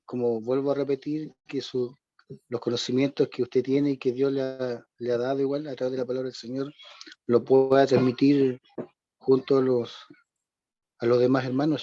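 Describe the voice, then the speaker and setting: A man's voice: mid-range voice, dry recording. Hesitant Chilean man on a dull call line. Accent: Chilean Spanish. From southern Chile. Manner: rambling, hesitant, with many restarts and soft laughs. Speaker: church member greeting the class. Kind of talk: casual introduction over video call. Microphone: video call. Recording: dull, dry video call audio.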